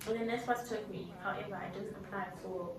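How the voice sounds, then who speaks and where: A woman's voice: mid-range voice, steady tone, fast. A twenty-year-old woman from South Africa telling her story in a casual, rambling vlog, full of fillers and restarts. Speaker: vlogger. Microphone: laptop or phone camera mic. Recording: echoey room, voice from a distance, music playing.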